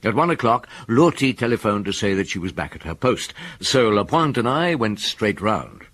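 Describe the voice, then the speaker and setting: An actor playing a shrewd, dogged middle-aged police inspector in a radio drama, measured and dryly polite as he probes. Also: on the low side, big pitch swings, fairly bright tone. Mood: reflective narrating.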